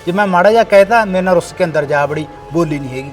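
A man's voice: high voice, rapid-fire, soft background music, close to an everyday voice. A man playing a grown village son, scolding and bossy in tone. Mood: persuading. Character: grown village son organizing flood relief. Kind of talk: village short film acting.

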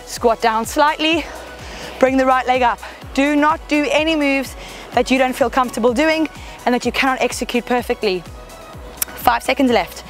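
A woman fitness instructor leading a workout, cheering on and counting down reps, a bit out of breath from moving along, with a mic close to her mouth. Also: high-pitched. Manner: upbeat, encouraging, counting down reps. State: slightly out of breath while exercising. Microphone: headset or clip-on mic close to mouth.

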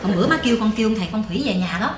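A woman's voice: medium pitch, animated, rapid-fire, a loud crowd, close to an everyday voice. A woman with a Southern Vietnamese accent playing a whiny, gossipy grown daughter in a live stage comedy sketch, teasing and complaining. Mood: whining. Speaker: comic stage actor. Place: large theater stage. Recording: echoey stage with background noise.

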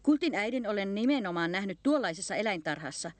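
A woman voicing a kindly old male bear who explains things loudly and earnestly. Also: mid-range voice, animated, no room sound, close to an everyday voice.

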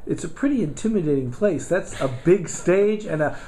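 A man's voice: high voice, lively intonation, normal speed, dark tone. A man behind the camera interviewing a guest, asking chatty, upbeat questions. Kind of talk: friendly promotional interview. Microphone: camera mic, off-screen.

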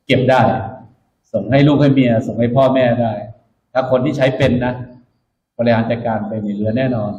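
A man's voice: mid-range voice, darkish tone, slight background noise. A man speaking as a military officer to new recruits, instructive and emphatic, repeating his key points in a motivational orientation speech. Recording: echoey room, dull muffled sound.

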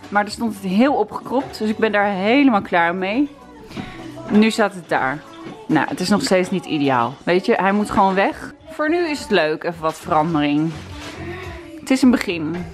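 A young woman chatting casually to camera in a home vlog, now and then switching to a high sing-song voice for her baby. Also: animated, moderate pace, faint music behind. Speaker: vlogger.

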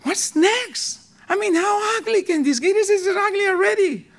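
A preacher voicing bewildered angels, asking high, incredulous questions in a sermon. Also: male voice, moderate pace, gravelly. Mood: alarmed. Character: bewildered chattering angels watching humans. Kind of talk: acted quote in a sermon.

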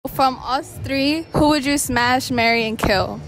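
A young woman in her late teens asking strangers quick, upbeat questions for a street interview in a shopping mall, filmed on a handheld camera. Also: high-pitched, a bit bright, soft background music, poor audio. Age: young adult. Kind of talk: casual public interview. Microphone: handheld camera mic.

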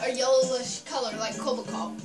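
A woman playing a bowling video game, chatting casually and breaking into excited shouts. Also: sits high, fairly quick, distant mic. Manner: excitable, bursts into loud cries. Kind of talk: casual let's-play chat. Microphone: phone filming a TV screen. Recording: echoey room, off-mic, loud game music.

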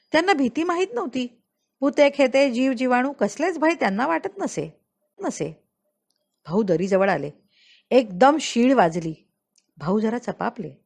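A woman narrating a memoir as an audiobook, telling it in a deliberate, dramatic storyteller's manner. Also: on the high side. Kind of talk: expressive audiobook reading of a memoir.

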